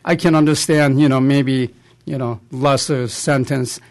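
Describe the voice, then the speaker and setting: A middle-aged or older man giving his opinion haltingly, often saying "you know". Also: mid-range voice, fairly even intonation. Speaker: panel guest. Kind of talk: unscripted opinion in a discussion.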